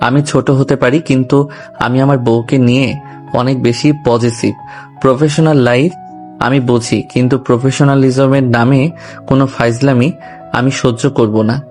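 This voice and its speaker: A man's voice: mid-range voice, little pitch movement, normal speed, close to an everyday voice. A man playing a possessive, hot-tempered nineteen-year-old husband who speaks intensely and threatens. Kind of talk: audio drama acting. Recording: soft background music.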